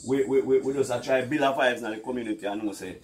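A man's voice: medium pitch, very fast, a little hiss or hum. A middle-aged man with a Jamaican accent hosting a casual interview in a small barbershop, rambling and repeating himself. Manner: repetitive, rambling, many restarts. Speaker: show host.

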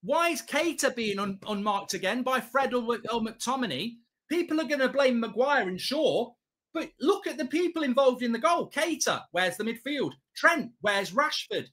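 Sharp, forceful football fan host ranting. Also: male voice, very high-pitched, lively intonation, normal speed. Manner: exasperated, emphatic, repetitive, swearing. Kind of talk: live match reaction rant. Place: small indoor studio set at a desk.

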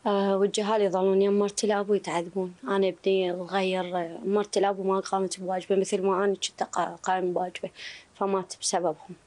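A woman's voice: medium pitch, level tone, fast talker, a little mellow. A woman in her thirties with an Iraqi Arabic accent, giving a personal account as an interview guest. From Iraq. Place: small indoor room. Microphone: handheld reporter mic held close.

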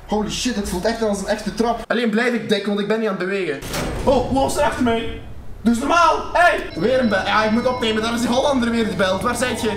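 A man with a Flemish accent giving loud let's-play commentary on a horror game, swearing and reacting jumpily while wearing a headset at home. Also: very high-pitched, quick pace, echoey room, recorded from a distance. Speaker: gaming YouTuber.

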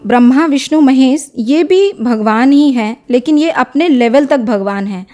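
Earnest young woman, slightly high voice. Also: lively intonation, dark tone. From Odisha, India. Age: young adult. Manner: earnest and persuasive, pausing often with filler sounds. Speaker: interview guest. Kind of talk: devotional testimony interview.

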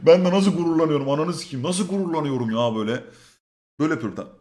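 A man's voice: fairly high pitch, very fast, a little mellow, roomy sound. A man telling a long, funny story in a casual way. He swears often, laughs, and acts out the lines of other people. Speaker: storyteller on a stream.

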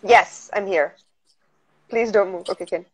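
A woman's voice: medium pitch, unhurried, husky. A woman being interviewed over a video call, apologizing and laughing off the connection dropping. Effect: heard over a video call. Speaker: interview guest, actress. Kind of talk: casual chat. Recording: dull lo-fi video call audio.

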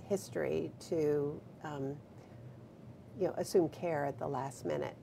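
Gravelly low-voiced woman interviewer. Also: measured pace, mellow. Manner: attentive, frequent affirming murmurs. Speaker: health system CEO, interviewer. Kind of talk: live video Q&A interviewer. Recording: faint background noise.

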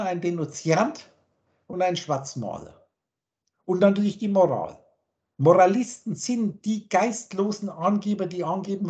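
A man's voice: sits high, a little mellow. A man, a spiritual teacher, giving a long philosophical monologue on a video call, insistent and full of rhetorical questions. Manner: insistent, repeats points and asks rhetorical questions.

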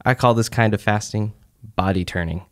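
Seated at a studio microphone on a boom arm in a small office, a young adult man talks through a Bible lesson for his church's teaching podcast. He speaks at a normal speed in a relaxed, conversational way, his fairly low, smooth, clear voice peppered with "uh" and "like."

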